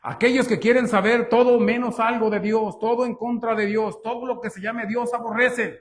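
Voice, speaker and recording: Man, pastor, sermon, high voice, emphatic, rhetorical questions. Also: level tone, moderate pace. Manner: emphatic, rhetorical questions, often says "hermanos".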